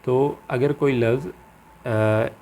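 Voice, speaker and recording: A man teaching a grammar lecture, halting and full of fillers, mixing English terms into his Hindi. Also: medium pitch, steady tone, dark tone. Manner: halting, many fillers and repeated phrases; mixes English terms into Urdu-flavoured Hindi.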